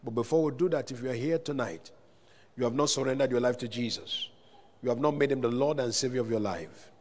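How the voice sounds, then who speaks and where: A man's voice: mid-range voice, a little fast, darkish tone, slight background noise. A man preaching a sermon as pastor, calling out to the congregation between scripture readings, recorded live in a large church hall. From Nigeria. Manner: preaching with rising calls to the congregation. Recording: long hall reverb.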